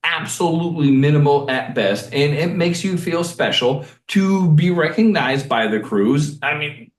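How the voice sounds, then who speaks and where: A man's voice: fairly high pitch, unhurried, far from the mic. A man who creates cruise videos, chatting casually as a guest and acting out the people he quotes. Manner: animated, acts out quoted people. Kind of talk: casual chat. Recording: echoey room, off mic.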